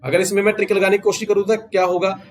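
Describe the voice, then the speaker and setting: A man teaching English idioms in Hindi, reading each English phrase slowly and repeating it, with an Indian English accent. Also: high voice, level tone, low-quality recording. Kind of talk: recorded exam-prep lesson.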